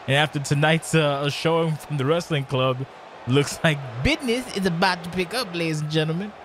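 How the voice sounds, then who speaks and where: Highish-voiced man doing casual wrestling commentary. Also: noisy background. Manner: casual, salty, halting phrasing. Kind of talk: conversational color commentary.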